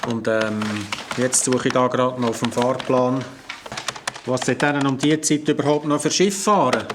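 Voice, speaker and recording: Close to his everyday voice, a man with a Swiss German accent takes the role of an earnest desk policeman at a small station for a children's radio play. He's mid-range, steady and moderately paced, talking plainly and a bit hesitantly. The audio is noisy.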